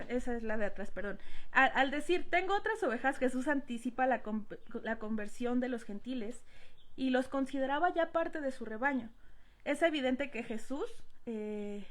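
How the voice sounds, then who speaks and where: A woman giving a Bible study lesson, pausing often on "eh" and checking in with tag questions. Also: a little high. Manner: hesitant, frequent "eh" and tag questions "¿no?". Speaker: Bible teacher.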